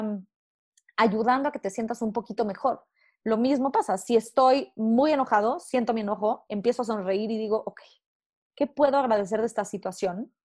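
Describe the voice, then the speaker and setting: A woman explaining ideas in casual talk, acting out inner voices as she goes. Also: a little high. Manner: animated, acts out inner voices. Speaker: guest speaker.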